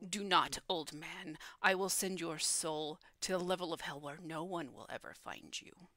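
A woman voicing a cold, commanding male demon lord in a whispered role-play, slow and threatening. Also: low voice, a bit bright, no room sound.

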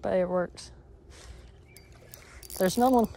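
A man's voice: sits high, unhurried, vocal fry, dark tone, slight background noise. A man vlogging while he fishes at a pond, talking in a casual, rambling way and correcting himself, recorded on a chest-mounted camera outdoors. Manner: rambling, self-correcting, offhand. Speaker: fishing vlogger. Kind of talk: casual outdoor fishing commentary.

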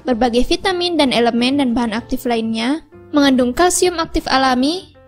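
A woman reading a scripted product advertisement in an even, upbeat sales voice, slowing down to read out numbers. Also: high-pitched, faint music behind. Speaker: ad narrator.

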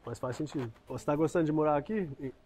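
This man, born in Brazil but raised in the US, speaks a little high and quickly, his tone on the darker side. He's a guest in a casual chat, sitting on a couch in an outdoor driveway, talking hesitantly and often groping for words.

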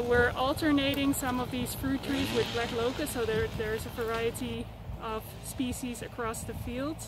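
A woman, a university researcher, clearly explaining a farm project outdoors. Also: on the high side, background noise.

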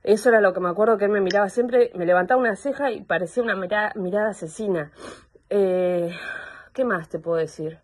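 A young woman with an Argentine accent gives personal testimony over a video call, halting and searching for words. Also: medium pitch. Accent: Argentine Spanish. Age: young adult. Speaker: complainant in a psychological assessment.

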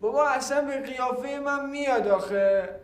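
High-voiced evasive man, hesitant, stammering answers. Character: evasive man questioned about opium.

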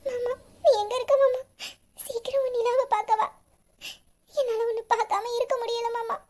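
A woman's voice: extremely high pitch, fairly even intonation, fast. A young woman voicing a devoted wife who tearfully pleads for her absent husband in an audio drama. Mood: tearful longing. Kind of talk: emotional audio drama acting.

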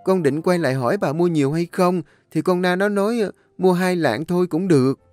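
A man's voice: sits high, fairly quick, a little mellow, soft background music, voice pushed up, natural voice. A timid young maid in an audio story defends herself in a light, raised voice, as a man puts her on. She speaks meekly. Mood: defensive. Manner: meek, explaining.

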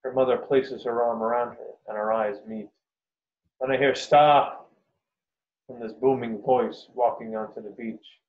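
A man, the author, reading his own first-person story in a measured, unhurried way. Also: mid-range voice, flat delivery. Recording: roomy, dull lo-fi recording.

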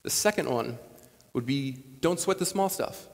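There's a creak to this mid-range male voice, which moves at a moderate pace. The speaker, a Wisconsin man in his late twenties, gives an earnest, conversational commencement address with animated gestures from the stage of a big school gymnasium, heard on a lapel mic with long gym reverb.

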